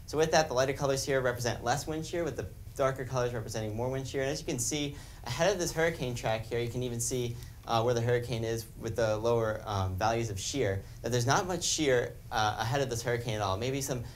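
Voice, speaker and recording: A man delivers a live weather forecast at a quick pace, with mid-range pitch. He explains in technical terms over faint background noise. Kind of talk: live forecast commentary on maps.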